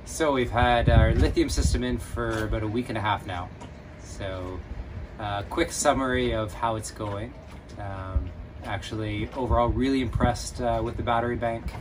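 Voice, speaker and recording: A man in his thirties, a sailing vlogger, explaining a battery install in a relaxed, practical way with many fillers, recorded on a boat at a marina. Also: medium pitch, moderate pace, background noise. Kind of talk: casual explaining while working. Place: catamaran engine room and cockpit, outdoors at a marina.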